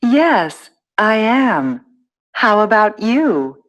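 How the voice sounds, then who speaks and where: A polite teacher. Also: female voice, mid-range voice, very animated, very slow, a bit bright, exaggerated voice. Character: polite adult female teacher. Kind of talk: scripted textbook dialogue.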